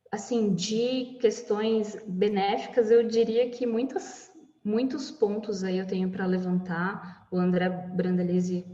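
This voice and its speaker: A woman's voice: lowish voice, warm tone, echoey room, long reverb tail, dull audio. A woman music therapist explaining her work in a casual podcast conversation, often adding "né" as she talks. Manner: explanatory, many "né" tags.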